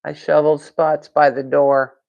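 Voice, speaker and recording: A woman's voice: sits low, little pitch movement, measured pace, creaky, dull audio. A woman hosting a casual live stream from home, rambling, laughing and answering viewer comments.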